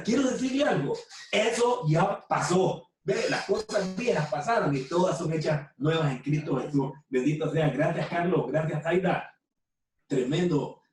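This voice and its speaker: A woman with a Nicaraguan accent preaching to a women's group, fervent, repeating words and slowing down to stress key phrases. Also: deep voice, a little mellow. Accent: Nicaraguan Spanish. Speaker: women's ministry speaker. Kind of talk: preaching talk. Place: room with phones streaming. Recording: very echoey room from a distant mic with faint noise.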